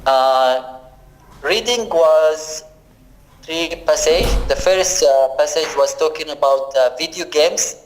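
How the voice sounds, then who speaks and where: A man's voice: on the high side, slow pace. A young man from Pakistan, a student, answering interview questions on a phone call, hesitant and full of fillers. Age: young adult. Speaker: student, guest.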